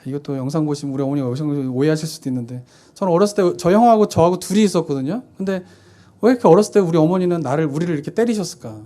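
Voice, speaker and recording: A man's voice: fairly high pitch, animated, rapid-fire, dark tone. A man in his thirties preaching a sermon in a conversational way, often posing rhetorical questions and answering them himself. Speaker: pastor. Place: church sanctuary.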